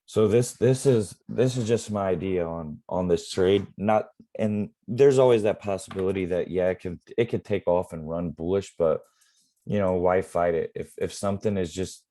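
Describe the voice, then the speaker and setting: A man explaining live trading in a relaxed, rambling way with many fillers, his voice going hoarse. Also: low voice, moderate pace. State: losing his voice. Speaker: forex trading mentor.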